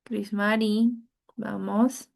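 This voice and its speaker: Patient teacher, a woman, slow and gravelly, calling on students in an online class. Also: medium pitch, flat delivery, darkish tone. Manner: patient, coaxing students by name.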